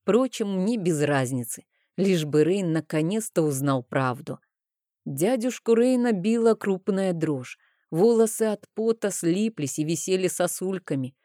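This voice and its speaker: A woman narrates a fantasy audiobook in the first person on a close mic. Her voice is lowish and mellow, and the sound is dry with no room. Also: no echo.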